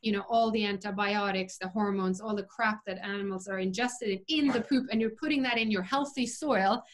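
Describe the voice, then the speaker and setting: A woman's voice: medium pitch, fairly quick. A woman talking as an interview guest over a video call, earnest and opinionated, with frequent fillers as she explains things. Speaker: interview guest, vegan chef. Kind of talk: casual conversational interview.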